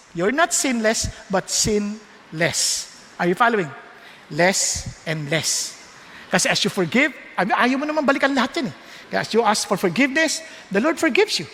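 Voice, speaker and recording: A man's voice: high-pitched, a bit bright, long reverb tail, a little hiss or hum. An older male pastor preaching a sermon, mixing languages and checking in with the congregation with frequent questions. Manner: preaching in mixed Tagalog and English, with questions to the congregation.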